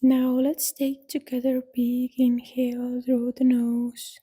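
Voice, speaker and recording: Short, gentle phrases separated by long silences come from a woman leading a scripted relaxation meditation extremely slowly as a yoga nidra guide. Her tone is dark and relaxed, her voice soft and breathy, and her melody stays very even throughout her soothing instruction.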